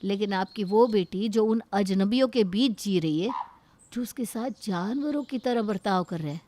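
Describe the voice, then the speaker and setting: An indignant young brother, voiced by a woman in a cartoon story, arguing hard for his sister. His voice sits in a plain middle register and his tone is sharp and protective. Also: mid-range voice, moderate pace, a little hiss or hum, lightly acted. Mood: accusing. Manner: indignant, pleading, argumentative.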